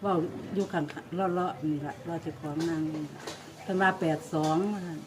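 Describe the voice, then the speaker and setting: Soft-spoken older Isan woman, noisy outdoors. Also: lowish voice, steady tone, a little fast. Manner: soft-spoken, short answers. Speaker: interviewee. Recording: outdoor recording with clear background noise.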